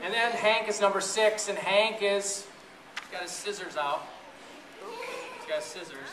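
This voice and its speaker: A high-voiced man reads a picture book to a group of children, playful and chatty, stopping to ask them questions. He's in an echoey room with an audience of families, captured in a roomy, distant event recording with audience noise.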